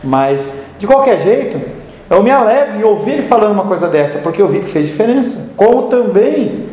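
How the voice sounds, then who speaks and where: High-voiced preaching man in an echoey hall. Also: big pitch swings, fairly quick, darkish tone. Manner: conversational, tells homely anecdotes. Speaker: pastor. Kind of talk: sermon. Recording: echoey hall with faint noise.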